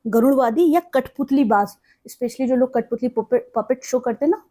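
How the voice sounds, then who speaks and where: A woman teacher giving a vocabulary lesson, slowly spelling out English words and repeating them, asking a question and then answering it herself. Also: high voice, dark tone.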